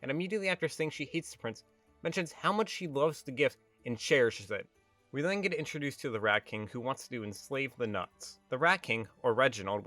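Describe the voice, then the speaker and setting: A man's voice: medium pitch, bright, forceful tone, dry recording. A man giving a comedic, scripted movie review as a voice-over, sarcastic and exasperated, often ranting. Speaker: video reviewer.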